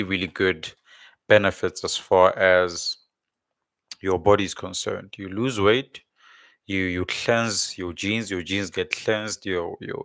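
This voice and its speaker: Low, creaky and fairly bright in tone, this livestream host's voice has no room sound. He's running a casual religious livestream while congested from a blocked nose and sore throat, rambling and repeating words while he hunts for the right ones.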